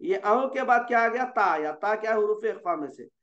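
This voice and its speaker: A man's voice: high-pitched, animated, a bit bright. A man teaching Quran recitation rules, explaining patiently and stopping often to ask whether students have understood. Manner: explains patiently, asks checking questions, slows for drawn-out examples. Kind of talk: online tajweed lesson. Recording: dull, echoey room sound.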